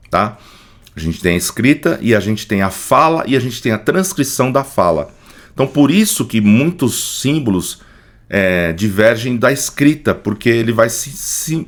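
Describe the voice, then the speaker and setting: A man teaching English pronunciation, patiently repeating words and checking in with his listeners. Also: sits low. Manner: models words slowly and in a drawn-out way. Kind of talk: screen-share phonetics lesson.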